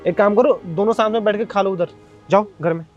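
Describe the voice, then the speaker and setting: A man's voice: high-pitched, fairly quick, darkish tone, lo-fi sound, soft background music, close to an everyday voice. A man playing a bossy but kind supervisor who scolds a worker into eating. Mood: scolding. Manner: scolding, persuasive. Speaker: actor in a comedy skit.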